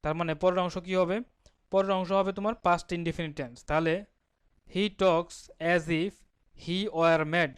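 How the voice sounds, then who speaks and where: A man with a Bangladeshi Bengali accent teaching an exam-prep grammar lesson, explaining step by step, asking and answering his own questions, and reading English example sentences slowly. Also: sits high, steady tone, clean tone, dry recording, studio quality.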